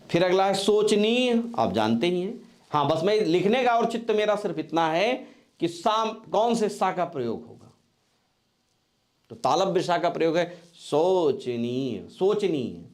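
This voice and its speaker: Male teacher, exam-prep spelling lesson, slow drilling repetition, lively swinging pitch. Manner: slow, repeats each word several times while writing; dictation-like drilling of correct spellings. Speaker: Hindi grammar teacher.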